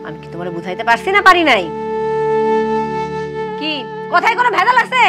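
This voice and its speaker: An actress playing an indignant young second wife who scolds sharply and sarcastically. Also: female voice, sits high, huge pitch swings, fairly quick, loud music behind the voice. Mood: furious. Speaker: young wife of an older man. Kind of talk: television drama acting.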